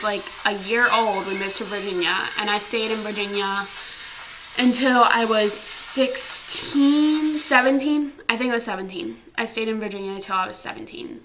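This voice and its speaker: A woman's voice: medium pitch, bright, forceful tone, low-quality recording. A young American woman vlogging casually at home, chatty and full of ums and likes. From United States. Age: young adult. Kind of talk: casual chat.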